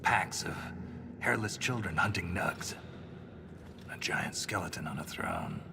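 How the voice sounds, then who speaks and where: An actor playing a gruff male dwarf veteran in a video game, telling a story in a dry, terse way. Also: measured pace, distant mic, full character voice. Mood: dry, wry. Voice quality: gravelly, low. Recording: game audio under a stream with steady noise.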